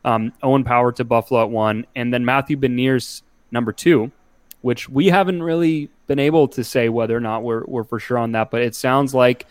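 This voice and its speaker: A man's voice: medium pitch, fairly even intonation, a little fast, clean tone, no room sound. A man co-hosting a casual sports podcast, talking through his analysis with frequent restarts. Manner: analytical, thinks aloud with restarts. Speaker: podcast co-host.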